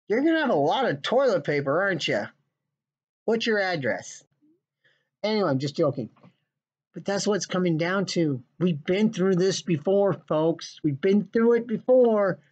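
A man ranting in a sarcastic, scolding, profane vlog monologue from his basement. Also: sits high. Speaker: vlogger. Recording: dull lo-fi recording.

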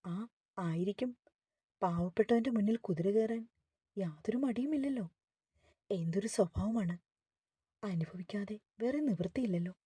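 A hurt, timid young woman murmurs quietly and with resignation, as a woman reads her. The voice is husky and mellow, with a soft, low level. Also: unhurried, long pauses, dry recording. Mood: resigned.

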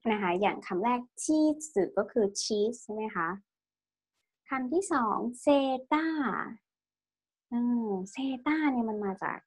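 Husky-voiced woman teaching a language class. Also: a little high, lively intonation, measured pace. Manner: patient, asks the students questions and drills pronunciation; tag-questions every phrase with polite particles. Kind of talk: online language lesson.

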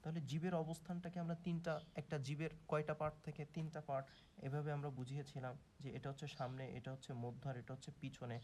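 A man's voice: on the high side, little pitch movement, fast, a little mellow, a little hiss or hum. A man teaching grammar in a patient way, asking questions and answering them himself while sounding out vowels. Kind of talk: explanatory video lesson.

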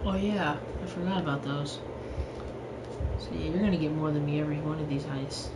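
Excitable gamer guy over loud game noise. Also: fairly high pitch, a little fast. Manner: excitable, urging teammates on. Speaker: gamer playing online with friends. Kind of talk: casual gaming chat.

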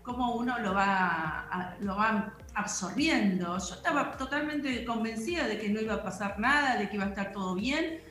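Earnest Argentine woman, bright echoey voice. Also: medium pitch, animated, normal speed, few pauses. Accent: Rioplatense Spanish. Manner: earnest, talks at length. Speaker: guest. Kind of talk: casual TV panel chat.

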